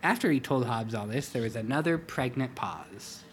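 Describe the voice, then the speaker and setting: A man hosting a comedy podcast, reading a story aloud. He stops often for dry, halting asides full of fillers. His pitch is middling but moves a lot, with soft background ambience. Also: expressive, slight background noise. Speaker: podcast host.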